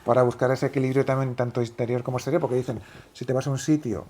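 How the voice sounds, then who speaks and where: A woman's voice: rumbling low, fairly even intonation, quick pace, warm tone, a little hiss or hum. A woman interviewer who asks long, hesitant, searching questions.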